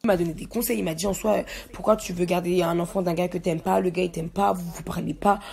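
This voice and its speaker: A young adult woman, a social media personality telling her side of a story, rants casually to her followers in slangy, defiant, emphatic speech, repeating herself to drive her point home. Her voice is lowish, steady, gravelly and darkish, and she talks fast.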